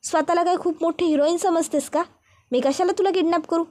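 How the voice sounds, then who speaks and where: A woman's voice: very high-pitched, fairly even intonation, a little fast, darkish tone, voice pushed up. A woman voicing an arrogant, bossy rich young man who scolds and dismisses. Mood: scornful.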